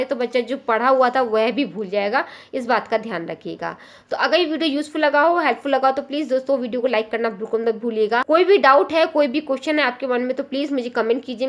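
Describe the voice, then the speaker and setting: A young woman with a high, light voice hosts a home teaching tutorial for parents. She explains patiently, step by step, and sounds out each letter slowly. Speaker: teacher and channel host.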